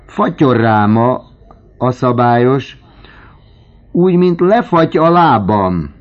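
A man voicing a slow, pun-loving male museum clerk, on a dull lo-fi recording. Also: medium pitch, expressive, pitched above the performer's own voice, close to an everyday voice. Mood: jesting.

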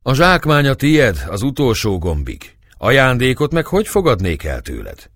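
A calm captain with a fatherly, measured way of speaking, put on by a male storyteller. The voice sits higher than the reader's own low tone and rises and falls in lively swings. The sound is dry and close. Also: slightly rough, dry recording, heavily acted.

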